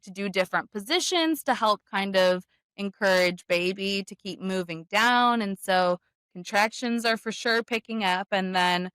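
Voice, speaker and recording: Smooth-voiced woman telling a story. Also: medium pitch, moderate pace, no echo. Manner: lively, acts out quoted voices. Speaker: podcast guest.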